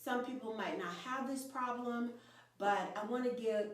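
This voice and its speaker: A woman's voice: fairly high pitch, normal speed. A woman in her fifties hosting a casual chat with friends, upbeat and chatty. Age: 50s. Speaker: channel host. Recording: echoey room, voice from far off.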